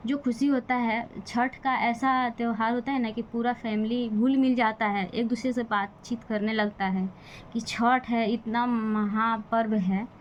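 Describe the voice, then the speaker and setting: A woman's voice: a little high, fairly even intonation, unhurried, dull audio, slight background noise. A young woman talking in a casual vlog, venting with bitter, defiant frustration about her family. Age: young adult. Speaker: vlogger. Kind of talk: casual personal vlog talk.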